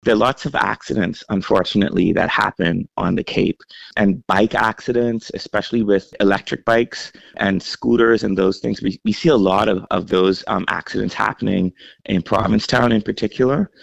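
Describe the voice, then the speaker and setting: Man from the Bahamas, health center head, low gravelly voice, dry close sound, unhurried with fillers. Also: steady tone, dry recording, highs cut off. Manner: measured, explanatory, with frequent fillers. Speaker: health center CEO, interview guest. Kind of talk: radio interview segment.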